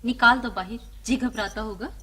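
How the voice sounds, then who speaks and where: A woman's voice: fairly high pitch, normal speed, bright, forceful tone. An actress playing a boastful, wealthy lady guest in a TV drama. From Pakistan. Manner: showy, bragging. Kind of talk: broadcast TV drama.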